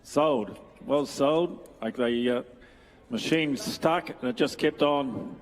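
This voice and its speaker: A middle-aged man, working as an auctioneer and calling bids in a rapid rhythmic chant, with joking asides between lots. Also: mid-range voice. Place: large indoor sales ring. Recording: echoey sales hall with long reverb.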